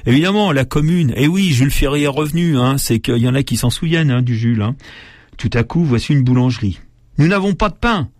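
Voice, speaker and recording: A man of ordinary pitch reads passages from an old newspaper and breaks off to explain them. He hesitates a lot, restarting his sentences and filling the gaps. The sound is dry and close, with no room around it. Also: quick pace, darkish tone, dry recording. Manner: hesitant, many fillers and restarts between read passages. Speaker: history commentator reading old newspapers. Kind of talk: reading aloud with spoken commentary.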